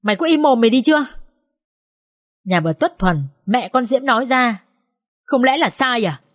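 A woman's voice: a little high, animated, moderate pace, dry recording, clean studio sound. A woman voicing an enraged middle-aged rural father who scolds and insults harshly. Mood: furious scolding.

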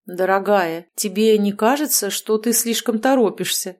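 A woman voicing a calm older nobleman, the groom's father, speaking in a measured, reasoning way. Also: medium pitch, lightly acted.

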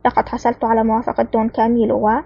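A woman's voice: fairly high pitch, completely flat delivery, quick pace, gravelly, husky, dry recording, highs cut off. A woman reading the lines of a sly, mocking male mafia lieutenant in an audiobook. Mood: meek. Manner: sneering, later panicked.

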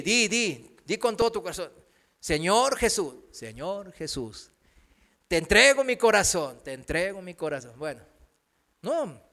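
A man preaching a sermon, moving between loud emphatic passages and soft, quick storytelling with laughter. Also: extremely high pitch, smooth. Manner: swings from loud emphatic preaching to soft anecdotes, laughs while telling stories.

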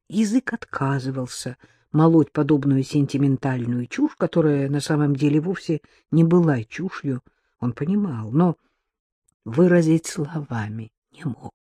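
Mellow-voiced man narrating an audiobook. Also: a little high, slightly rough, no room sound. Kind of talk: scripted narration.

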